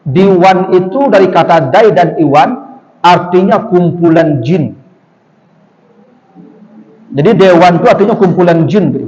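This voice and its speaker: A man's voice: high-pitched, measured pace, pauses often. A male preacher, speaking straight to his listeners with rhetorical questions and repeated refrains. The sound is dull and muffled, with a long reverb hanging around every phrase. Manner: lively, rhetorical, addresses audience directly. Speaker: Islamic preacher. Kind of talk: sermon.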